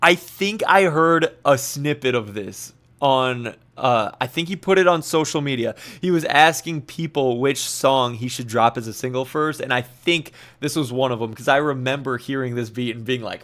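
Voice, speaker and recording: A man hosting a music reaction channel, giving casual, excitable commentary and laughing often as he gushes. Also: mid-range voice, moderate pace, few pauses.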